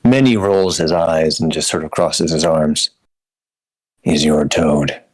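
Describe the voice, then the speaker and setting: A man with a very deep voice plays a tabletop game as a storyteller. He speaks slowly and deliberately, with a wry theatrical touch. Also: low-quality recording.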